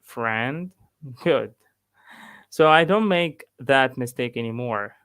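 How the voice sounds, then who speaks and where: A man with an Egyptian accent, an English teacher reading a book aloud and pausing to explain words. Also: mid-range voice, lively intonation, a bit bright, smooth, dry recording. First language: Arabic. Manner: slow, pausing to explain vocabulary.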